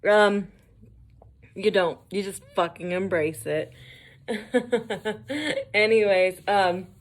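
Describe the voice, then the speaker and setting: A mail carrier tells casual stories for her vlog in a mid-range voice, drawing out her words. She swears, laughs a lot, and acts out the voices of the people she quotes.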